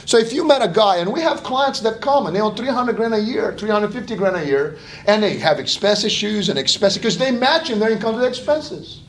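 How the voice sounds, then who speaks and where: A man giving a motivational seminar talk in an animated, rhetorical way, repeating phrases for emphasis and acting out imagined quotes. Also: high voice, fairly quick. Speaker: speaker giving a wealth seminar. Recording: echoey room, distant mic, faint noise.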